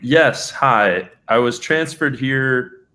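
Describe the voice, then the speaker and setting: A man's voice: medium pitch, very slow, pushed and bright. A man making a prank phone call, hesitant and overly polite, stumbling with ums and restarts. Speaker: prank caller.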